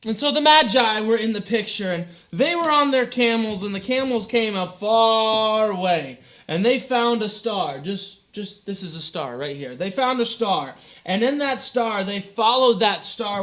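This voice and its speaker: Brief: male children's preacher, bright and high-pitched, playful and joking. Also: unhurried. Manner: playful, animated, uses props, addresses children. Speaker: children's pastor. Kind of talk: children's sermon storytelling.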